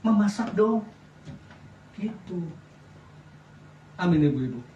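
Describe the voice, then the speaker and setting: A middle-aged man preaching a sermon as pastor, lively, often asking the congregation questions. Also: high-pitched, slow pace, highs cut off, a little hiss or hum. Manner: lively preaching with wide swings in loudness, asks the congregation questions. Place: church. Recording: echoey church sound from a distance.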